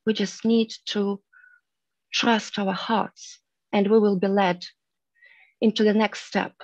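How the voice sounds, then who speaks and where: Woman in her 30s, spiritual teacher, soft and earnest, unhurried pauses, headset mic, dry dull sound. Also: medium pitch, level tone, no echo. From Russia. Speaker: meditation group leader. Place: room at home, indoors. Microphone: headset on a video call. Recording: muffled video call audio.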